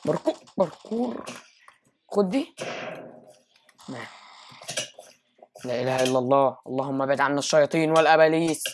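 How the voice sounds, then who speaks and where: A man with an Egyptian accent giving live gameplay commentary, excitable, jumping to loud high exclamations and mixing in English phrases. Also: brisk, pauses often, a little hiss or hum. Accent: Egyptian Arabic. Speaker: gaming YouTuber.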